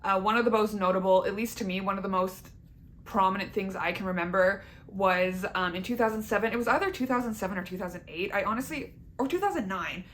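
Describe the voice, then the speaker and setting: A young YouTuber from Southern Ontario, Canada, with a Canadian accent gives her viewers a casual, candid personal update. Her voice is medium-pitched and fairly bright, and she talks fast, chatty and emphatic.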